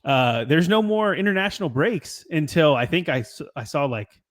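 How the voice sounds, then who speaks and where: A young man hosting a soccer podcast in a relaxed, rambling casual chat who laughs easily. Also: on the high side, normal speed. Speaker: podcast host.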